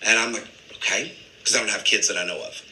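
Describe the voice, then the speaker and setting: Guy telling a story all animated, bright sharp voice, roomy echo. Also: on the low side, quick pace, a little hiss or hum. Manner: animated, acts out quoted dialogue. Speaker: guest in a played clip. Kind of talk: storytelling in conversation.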